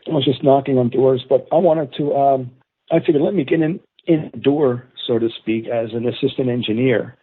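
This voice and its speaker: A man's voice: mid-range voice, moderate pace, husky. A middle-aged man from Atlantic City, a guest telling rambling stories and acting out what people said. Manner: animated, rambling storyteller who acts out quotes. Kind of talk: storytelling in a podcast interview. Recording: tinny phone-line sound.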